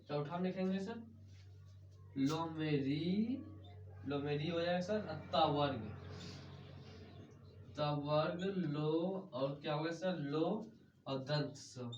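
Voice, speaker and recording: A man's voice: a little high, slight background noise. A man teaching a grammar lesson, asking questions and answering them himself and calling everyone sir. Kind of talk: grammar lesson with call-and-response drilling. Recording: echoey room, distant muffled mic.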